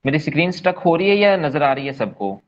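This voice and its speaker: A man's voice: on the high side, very animated, a little fast, dull audio. A man leading a live online coding class, explaining step by step in a patient, repetitive way and checking in often with his students. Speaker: coding instructor.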